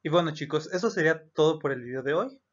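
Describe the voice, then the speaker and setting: A man teaching grammar at a steady, patient pace, going over each example twice. His voice sits a little higher than most men's. The recording is dull and lo-fi. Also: fast. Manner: patient, repeats examples with Spanish translations. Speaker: English teacher. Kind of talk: explaining grammar to students.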